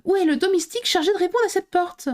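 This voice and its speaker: A woman voicing an impatient young girl who speaks in a high, insistent, exasperated way. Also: normal speed, lightly acted. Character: impatient young girl, quick to get irritated.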